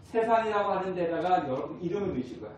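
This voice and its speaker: Male pastor, chatty sermon, high voice, heard from afar in a very echoey church hall. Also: lively intonation, quick pace. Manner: conversational, questions the congregation; acts out family dialogues. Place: church sanctuary. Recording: very echoey hall, distant mic.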